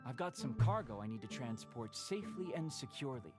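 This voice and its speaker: Brief: performer as confident young adventurer warrior, wry, mock-formal, very lively pitch, music behind. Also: brisk, natural voice. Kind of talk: video game character dialogue.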